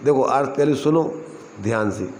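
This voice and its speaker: A man leads a scripture class and keeps putting questions to his listeners. Now and then he chants a couplet slowly. His voice rings through a large hall with a long echo and faint room noise behind it. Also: mid-range voice, expressive, a little mellow. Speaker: religious teacher. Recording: roomy hall with faint ambience.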